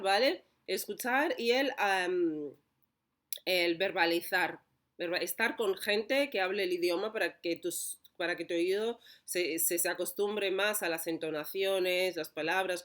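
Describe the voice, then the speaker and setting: A woman with a Spain Spanish accent talks straight to camera in a loose, chatty monologue of advice. She stumbles and restarts often, tags her points with quick checks for agreement, and her pitch sits in an ordinary middle range. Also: a bit bright. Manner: chatty, many restarts, keeps asking "¿vale?". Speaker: channel host and coach.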